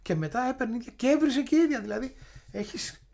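A man's voice: very high-pitched, expressive, gravelly, crowd noise. A man hosting an interview, chatting casually and telling stories from his own life. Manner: chatty, tells personal stories. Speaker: interview host. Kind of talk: conversational interview.

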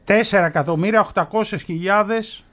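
A man co-hosting a relaxed radio show. He tells a story slowly and playfully, stretching his words out and pausing for effect. His voice sits a little on the high side. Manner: playful, drawn-out storytelling with dramatic pauses. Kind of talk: casual radio banter.

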